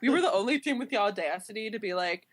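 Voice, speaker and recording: A young woman from Chicago, co-hosting a podcast in casual chat, rambling and animated, full of "like" fillers. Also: medium pitch, quick pace. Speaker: podcast co-host.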